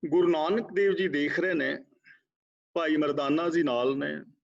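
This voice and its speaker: A man giving a scripture exposition class, chanting verses slowly and explaining them in a measured way. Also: on the high side, fairly even intonation, creaky. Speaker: Sikh scripture teacher. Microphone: video call. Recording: dull lo-fi online class audio.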